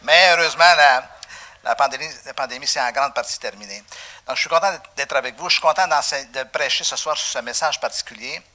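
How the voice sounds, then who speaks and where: A man with a Québécois French accent preaching a sermon as pastor, animated, with frequent fillers and restarts. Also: medium pitch, brisk. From Canada. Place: church.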